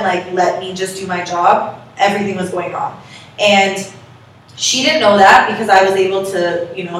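A woman's voice: mid-range voice, a bit bright, slight background noise. A woman co-hosting a casual podcast as an event planner, giving tips in a chatty, emphatic way. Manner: chatty, emphatic, laughs easily. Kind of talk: casual chat. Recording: echoey room, mic at a distance.

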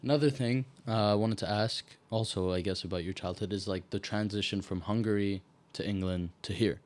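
Male podcast co-host, low voice, chatty, stop-start phrasing. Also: fairly even intonation. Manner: chatty, halting questions with restarts. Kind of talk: casual podcast chat.

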